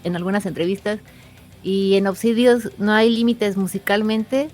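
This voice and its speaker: A woman's voice: mid-range voice, fairly even intonation, brisk, a little mellow, faint music behind. A woman hosting an interview, speaking in a formal, welcoming way. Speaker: interview host.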